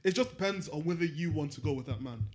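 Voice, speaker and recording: A man's voice: fairly high pitch, lively intonation, fast, crowd noise. A young man co-hosting a podcast, hedging his points and repeating himself as he explains. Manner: hedging, repeats "I'm not gonna lie". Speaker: podcast co-host. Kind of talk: casual group chat.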